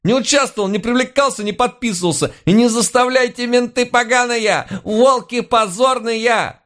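A shrill, hysterical petty crook. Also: male voice, moderate pace, a bit bright. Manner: whining, then shrieking insults. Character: cowardly petty crook man, whiny and hysterical.

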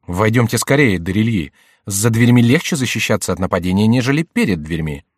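A man's voice: on the low side, lively intonation, brisk, breathy edge, no echo, studio quality. A man voicing a haughty young royal duke who speaks sternly and menacingly, in a raised voice. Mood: alarmed.

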